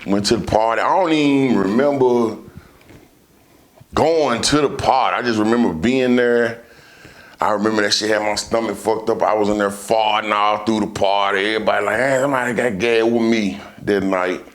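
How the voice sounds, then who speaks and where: A man's voice: on the low side, steady tone, moderate pace. A man talks like a laid-back stoner. He tells stories casually, circling back over his phrases. His speech is thick with slang and swearing. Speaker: vlogger. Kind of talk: casual storytelling to camera.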